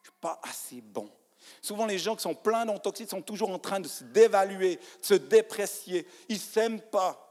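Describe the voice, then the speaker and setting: A man preaching a sermon in a church, animated, acting out people's inner voices and swinging from hushed to loud. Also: high voice, normal speed. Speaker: pastor. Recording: church hall reverb.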